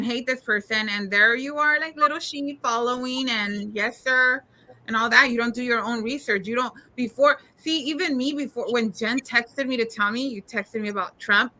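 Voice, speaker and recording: Bright-voiced woman on a video call. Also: fairly high pitch. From California. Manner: animated, emphatic opinions. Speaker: panelist. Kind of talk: casual panel chat.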